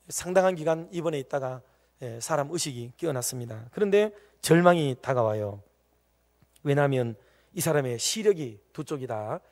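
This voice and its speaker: Emphatic preacher, church reverb. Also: male voice, fairly high pitch. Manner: emphatic, swings between loud urging and quiet narration. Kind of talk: sermon with storytelling. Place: church sanctuary. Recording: long reverb of a church hall.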